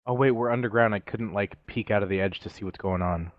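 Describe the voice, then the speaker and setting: A man's voice: fairly low pitch, fast talker, dry recording, dull audio. A man playing a tabletop game who jokes and laughs a lot. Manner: jokey and animated, laughs often. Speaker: player. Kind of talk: casual tabletop play.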